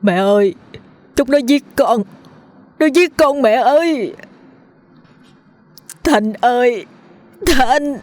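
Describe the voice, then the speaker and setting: A woman voicing the spirit of a young girl possessing a man, crying out in shrill terror in a horror story reading. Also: lively intonation, very slow, pauses often, darkish tone. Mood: terrified. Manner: shrill wailing cries.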